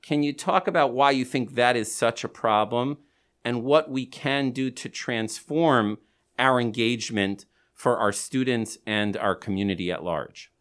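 A man's voice: medium pitch, a little slow, a bit bright. A man hosting a podcast and interviewing, his voice slightly muffled by a face mask. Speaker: podcast host. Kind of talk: scripted podcast introduction and interviewing. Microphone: podcast microphone, through a face mask.

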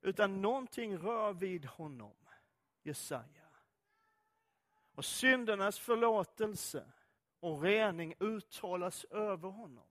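High-voiced man preaching a sermon. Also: expressive, long pauses, fairly bright tone. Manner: conversational, filler-heavy, asks listeners direct questions. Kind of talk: sermon with scripture reading.

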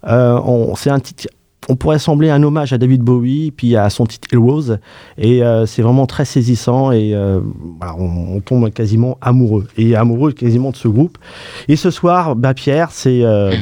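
A male radio host gushes over an album, piling up superlatives and stumbling through fillers. His voice is mellow and warm, and the studio sound is dry and close. He talks in the relaxed manner of an enthusiastic music review chat. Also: medium pitch, normal speed, no echo. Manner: effusive, repeats praise words, many fillers.

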